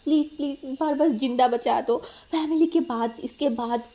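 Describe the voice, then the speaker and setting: A woman voicing a frightened young man who cries, stammers and pleads in a high, shaky voice. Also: moderate pace, warm tone. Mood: crying, pleading.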